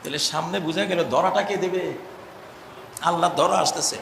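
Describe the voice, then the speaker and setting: A male preacher giving an impassioned sermon, swinging between loud cries and low murmurs and chanting verses. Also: normal speed, vocal fry. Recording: echoey hall, faint noise.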